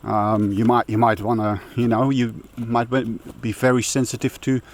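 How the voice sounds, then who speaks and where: A man's voice: mid-range voice, flat delivery, normal speed. A middle-aged man talking casually on a walk, rambling with fillers and restarts, a bit out of breath from walking uphill. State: slightly out of breath. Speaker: audio YouTuber. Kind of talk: casual vlog talk while walking. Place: outdoors on a hill walk.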